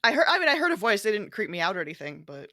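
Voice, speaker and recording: A woman's voice: mid-range voice, very animated, racing, bright, forceful tone. A woman co-hosting a podcast in casual chat, mostly giving short agreeing replies, dry and hard to impress. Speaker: podcast co-host.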